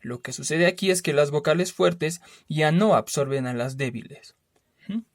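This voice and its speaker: A male teacher works through a spelling lesson, explaining patiently and repeating key terms. His voice sits a little high, and he often adds a quick questioning tag to check understanding. The recording is dry and close. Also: dry recording. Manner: explains slowly and repeats himself.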